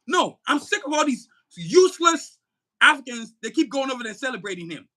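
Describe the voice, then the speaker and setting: High-pitched angry man ranting. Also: big pitch swings, a little fast. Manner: angry, cursing, emphatic, shouting at times. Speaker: podcast co-host. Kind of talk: heated political podcast rant.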